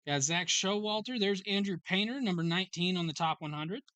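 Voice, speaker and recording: A host runs a live card break in a sports card shop and reads out each pull in a steady, matter-of-fact roll call. The voice is bright and forward. The sound is dry and close, with little room around it. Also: mid-range voice, smooth, dry recording. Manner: brisk roll call of card names and numbers.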